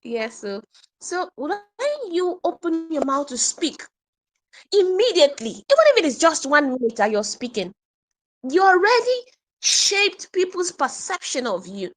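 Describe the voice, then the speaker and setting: A woman teaching an online English communication workshop, animated and repeating points for emphasis. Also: high-pitched, unhurried.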